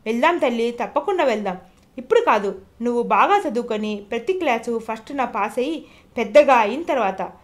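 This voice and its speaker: A gentle young father soothes his small daughter in an audio novel, soft and reassuring, as a woman narrator puts him on. The voice stays fairly high. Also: expressive, fairly quick, natural voice. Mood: tender.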